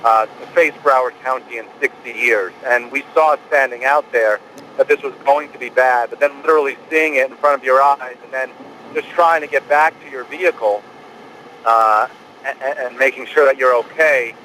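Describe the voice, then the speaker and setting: A male field reporter telling his storm experience live and unscripted, halting and repeating words as he goes. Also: medium pitch, steady tone, bright, forceful tone, slight background noise, rough recording.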